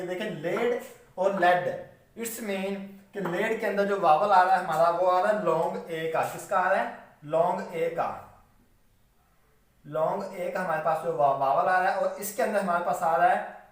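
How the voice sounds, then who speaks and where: A man's voice: sits high, fairly even intonation, normal speed. A man giving a shorthand lecture, explaining patiently and repeating checks with students as he spells out words letter by letter. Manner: patient, repetitive explaining, frequent "theek hai" checks. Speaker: shorthand teacher. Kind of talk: classroom lecture. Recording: very echoey room, voice from a distance.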